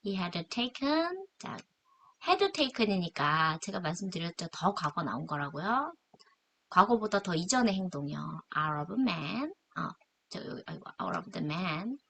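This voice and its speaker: Woman teacher, bright tone, talks warmly through English verse and asks the class questions. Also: fairly low pitch, big pitch swings, slow pace, slight background noise. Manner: chatty, asks rhetorical questions, laughs at herself. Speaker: English Bible study teacher. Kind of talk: casual lecture explaining scripture and English.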